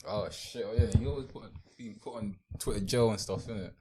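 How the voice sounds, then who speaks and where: A man hosting a podcast, asking quick questions and cutting in during casual chat. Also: on the low side, crowd noise. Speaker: podcast host.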